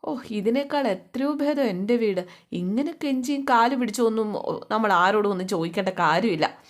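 A woman's voice: medium pitch, moderate pace, natural voice. Young wife voiced by a woman, short-tempered, indignant, complaining.

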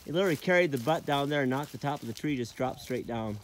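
Over a noisy crowd, a fast-talking man with a medium-pitched voice narrates a family camping trip on a forested mountain. He holds the camera himself, keeps it casual, and often exclaims in wonder.

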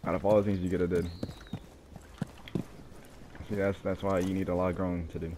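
A man's voice: deep voice, level tone, brisk. A man bantering casually with friends on game voice chat, lightly chiding them. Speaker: gamer in a multiplayer match. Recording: noisy game voice chat, clicks.

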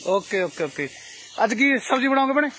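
A man with a high, bright voice, chatting and teasing the people he meets. His talk is light and full of jokes. He is recorded outdoors in a field on a handheld camera. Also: very animated, a little fast, slight background noise. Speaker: vlogger. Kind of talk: casual chat.

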